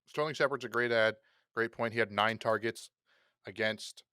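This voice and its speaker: A man's voice: on the low side, steady tone, moderate pace, pushed and bright, clear, resonant tone, no room sound, studio quality. A man hosting a casual fantasy football podcast, loose and joking as he talks through players. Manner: loose, joking, wraps up the show. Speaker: podcast host.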